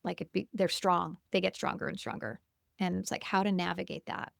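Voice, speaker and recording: Gravelly-voiced woman podcast host. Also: lowish voice, steady tone, fairly quick, dry recording, studio quality. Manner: reflective, with frequent murmured backchannel agreement. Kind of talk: conversational interview.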